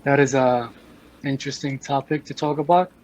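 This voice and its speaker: A man in his thirties from Afghanistan, a podcast guest, speaks in a direct, measured way and repeats phrases for emphasis. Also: medium pitch, steady tone, a little mellow, poor audio. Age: 30s. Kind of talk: casual chat.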